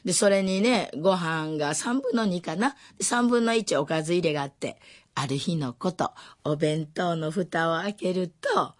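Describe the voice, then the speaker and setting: Older woman with a Kansai accent, lowish voice. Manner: gentle, unhurried, with wry asides. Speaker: storyteller. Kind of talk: spoken personal memoir.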